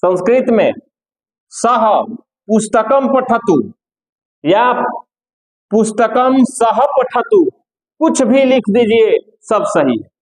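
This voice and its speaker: A man teaching a classroom lesson, slow and patient, repeating each step for his students. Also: high voice, animated, poor audio.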